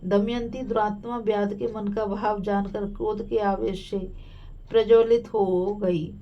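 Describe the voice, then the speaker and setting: A woman storyteller narrating an ancient epic in a measured, solemn manner. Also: mid-range voice, little pitch movement, highs cut off.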